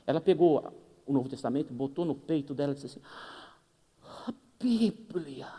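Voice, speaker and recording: A Brazilian man with a Brazilian Portuguese accent preaches humorously and conversationally, acting out the dialogue of a story in his sermon. His medium-pitched voice is dark in tone and quick. The church hall gives a long reverb.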